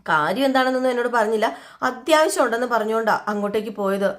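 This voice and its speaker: A woman's voice: a little high, fast, lightly acted. A woman doing a nervous, evasive young guy. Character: nervous young male friend covering up.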